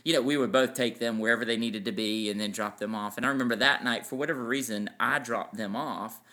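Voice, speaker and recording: Man, forties, family podcast co-host, bright voice, sentimental storytelling. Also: mid-range voice, fairly even intonation, fast. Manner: storytelling, sentimental, laughs easily. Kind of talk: casual family podcast chat.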